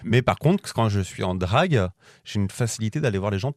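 A young French man guest in a casual interview, talkative and quick, tripping over restarts and fillers. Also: on the low side, animated, darkish tone, no room sound, studio quality. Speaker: podcast guest.

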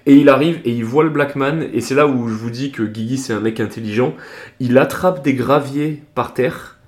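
A young man recounts a tale in loose, slangy talk, animated and full of "euh" fillers. His voice sits in a middle pitch, and the recording has a roomy echo around it. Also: moderate pace. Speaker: podcast host. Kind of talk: casual storytelling.

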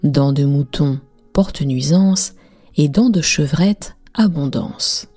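A woman's voice: low-pitched, slow, mellow, soft background music. A woman voicing a sly, tearful mother goat in a storybook tale, pleading and wheedling.

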